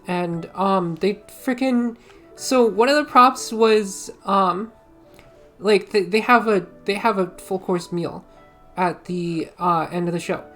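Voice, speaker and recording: A woman streamer talking casually over a game, giggling often and rambling through her stories. She drops a casual swear here and there. Her voice has an ordinary middle pitch, and faint music plays underneath. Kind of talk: casual gaming commentary.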